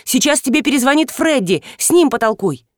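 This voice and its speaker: A pushy man presses his offer in a casual, insistent tone, as a woman narrator acts him out. The reading is dry and close, her voice kept a little high. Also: expressive, brisk, no echo. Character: pushy man, fast-talking producer.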